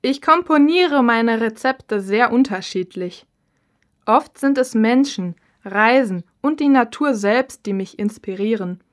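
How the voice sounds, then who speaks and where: In a scripted listening-test recording, a woman plays a cookbook author answering interview questions. Her reading is calm and measured, and her voice sits a little high.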